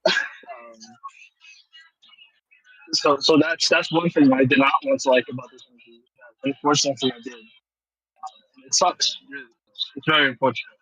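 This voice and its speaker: A man co-hosting a casual podcast discussion from his car over a glitchy, buzzy call line that keeps cutting out, admitting things grudgingly and haltingly. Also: fairly even intonation, pushed and bright, slightly rough, no echo. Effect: buzzy, glitchy call audio that cuts out. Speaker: podcast co-host. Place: in a car while driving. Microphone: remote call. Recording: muffled, low-fi call line.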